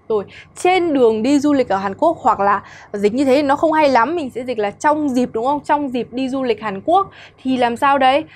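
A young Vietnamese woman teaching Korean grammar, explaining patiently and checking often that students follow. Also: on the high side. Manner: explains patiently, often asks "được chưa?". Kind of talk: grammar lesson.

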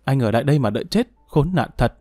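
A man's voice: mid-range voice, lively intonation, fast talker, warm tone, no echo, natural voice. A man voicing a bitter young wife who speaks to her jailed husband in a scornful, cutting way. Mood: raging.

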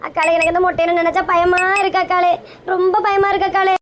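A woman's voice: very high voice, level tone, fast, a bit bright, slight background noise. A woman with a Kanyakumari Tamil accent voicing a frightened, tearful young wife in a comedy skit. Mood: fearful. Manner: tearful, pleading.

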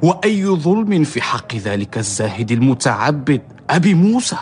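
An actor playing a righteous humble barber in a historical radio drama, declaiming formal Arabic with passion. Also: male voice, mid-range voice, very animated, normal speed, a little mellow, lightly acted. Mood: indignant. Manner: impassioned, declaiming.

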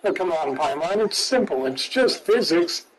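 A man's voice: fairly high pitch, lively intonation, normal speed, a crowd in the background, rough recording. A man playing a video game on stream, chatting casually, reading in-game text aloud and chuckling often. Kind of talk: casual gameplay commentary.

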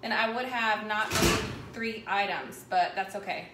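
A cooking show host with a medium-pitched voice talks at a measured pace, rambling and chatting through a live demonstration in her home kitchen. A camera mic across the counter records her from a distance amid kitchen echo and background noise.

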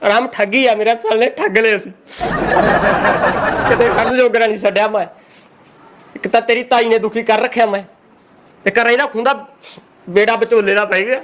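A man playing a whiny henpecked villager, very high voice. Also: steady tone, moderate pace, long pauses, fairly bright tone, slight background noise. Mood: whining. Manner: whiny, complaining, tipsy. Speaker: comic village character. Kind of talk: rural comedy sketch.

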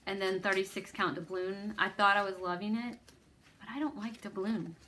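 A woman with a mid-range, fairly even voice hosts a needlework video, talking at a moderate pace in a pushed, bright tone over slight background noise. She chats casually about her stitching projects, rambling and self-deprecating, with plenty of ums and restarts.

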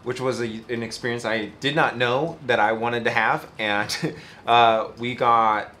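A man's voice: mid-range voice, steady tone, unhurried, bright, forceful tone, a little hiss or hum. A man in his thirties chatting casually as a travel vlogger, seated outdoors by a camper in an easygoing, lightly joking way. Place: outdoors beside a camper trailer.

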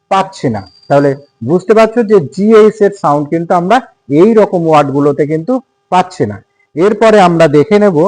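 Teacher, male, fairly high voice, patient repetitive lesson delivery with many "uh" pauses. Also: low-quality recording. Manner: repeats words slowly and spells them out letter by letter; frequent hesitation fillers. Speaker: English teacher. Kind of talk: spelling and pronunciation lesson.

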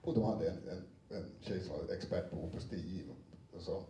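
Dark-voiced man in a roomy hall. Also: low voice, a little hiss or hum. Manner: conversational, many fillers and restarts, briefly acts out quotes. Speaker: audiobook narrator giving a talk. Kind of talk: anecdotal talk to an audience. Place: lecture room with an audience. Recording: roomy sound from a distant mic.

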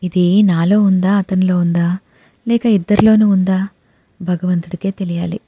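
A woman narrating an audio novel in the first person, with lively, expressive storytelling. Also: lowish voice, moderate pace, breathy edge, no echo. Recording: dull dry recording.

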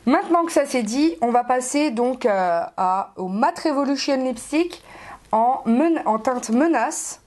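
A woman talking through a casual makeup haul as a beauty vlogger. She is chatty and expressive, swears offhandedly, and stammers and repeats herself when worked up. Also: sits high, unhurried.

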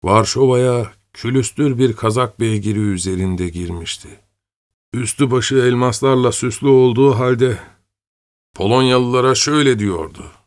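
A man's voice: mid-range voice, close to an everyday voice. A man voicing a frail, toothless old male veteran in an audiobook, rambling as he reminisces. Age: older. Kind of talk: audiobook character voice.

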